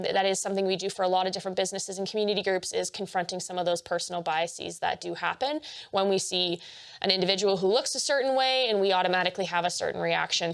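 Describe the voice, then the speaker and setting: A young woman giving a training presentation, talking fast with many fillers and restarts. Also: mid-range voice, gravelly, fairly bright tone.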